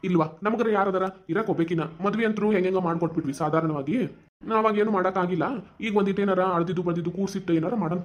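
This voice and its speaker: Voice actor as fast-talking caring village father. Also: medium pitch, highs cut off, lightly acted. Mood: explaining, caring. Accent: North Karnataka Kannada. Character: caring older village father, soft-hearted. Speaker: father in a family cartoon.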